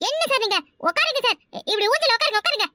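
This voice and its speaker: Woman doing shrill brash village woman Thangamayil. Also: lively intonation, racing, full character voice. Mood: welcoming. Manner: loud, boastful, argumentative. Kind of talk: cartoon voice acting.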